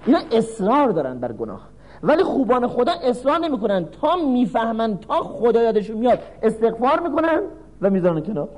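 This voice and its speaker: A man preaching a sermon, reciting Arabic verses and explaining them through animated storytelling with acted voices. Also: very high voice, poor audio.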